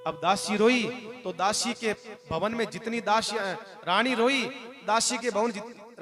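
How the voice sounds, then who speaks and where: A male preacher telling a devotional story to a gathering, acting out the characters' wailing in an animated voice. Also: high-pitched. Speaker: katha preacher. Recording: live crowd audible behind.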